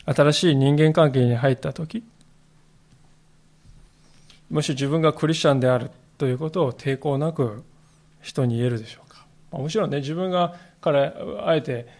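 A man's voice: a little high, normal speed, pauses often, a little mellow. A male pastor giving a sermon in a conversational storytelling way, acting out the quoted lines.

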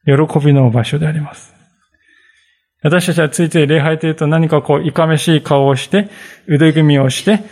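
A man's voice: fairly high pitch, moderate pace, a little mellow. A male pastor giving a conversational sermon, reading scripture and explaining it with frequent fillers and asides.

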